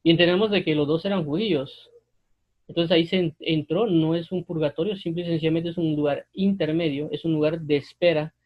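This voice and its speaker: A man giving an unscripted Bible commentary, pausing often with fillers and restarts as he explains a passage. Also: fairly high pitch, muffled recording. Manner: hesitant, many fillers and restarts. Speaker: Bible teacher.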